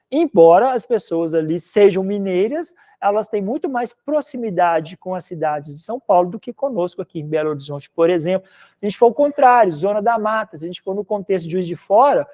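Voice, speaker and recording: This recorded online lecture features a philosophy teacher, a man from Minas Gerais, Brazil, whose Portuguese carries the local mineiro accent. He has a high, mellow voice, and his casual teaching style wanders and chats along, full of frequent "né?" tags.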